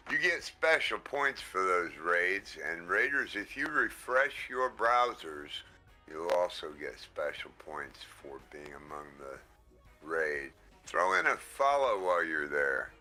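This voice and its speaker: A man's voice: sits low, very animated, slow pace, pushed and bright, soft background music. A man hosting a livestream through a headset mic, casual and easygoing, often thanking his viewers. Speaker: livestream host.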